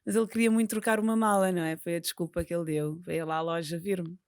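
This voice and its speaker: A woman's voice: on the low side, fairly even intonation, quick pace, darkish tone, no room sound, clean studio sound. A woman born in Portugal with a European Portuguese accent, co-hosting a podcast with laughing, bantering replies. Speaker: podcast co-host. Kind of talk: casual chat.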